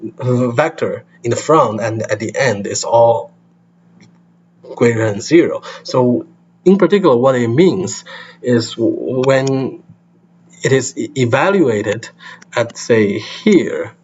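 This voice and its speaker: A man's voice: medium pitch, lively intonation, takes it slowly, darkish tone. A man giving a recorded university lecture, explaining step by step with frequent restarts and fillers. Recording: slightly dull recording with faint hum.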